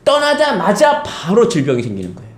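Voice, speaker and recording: Emphatic pastor with a lively voice. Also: male voice, sits high, brisk. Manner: emphatic, asks the congregation rhetorical questions. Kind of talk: Sunday sermon. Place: church sanctuary. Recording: echoey church hall.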